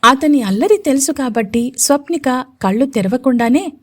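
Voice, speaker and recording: Expressive woman narrating a romance story. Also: high voice, normal speed. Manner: expressive, emotive reading.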